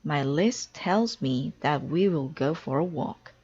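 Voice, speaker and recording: A woman's voice: low voice, expressive, takes it slowly, darkish tone, highs cut off, a little hiss or hum. A woman voicing an anxious, stubborn male toad from a children's storybook, plaintive and emphatic. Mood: matter-of-fact.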